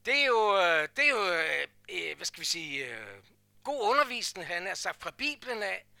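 High, bright gravelly preacher man. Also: very animated, no echo. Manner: emphatic preaching, swinging from hushed asides to loud declarations; repeats phrases in a rhythmic build. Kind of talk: sermon.

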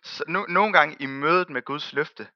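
A man preaching a sermon and telling the story in a lively way, acting out the people he quotes and laughing often. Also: a little high, no echo, dull audio.

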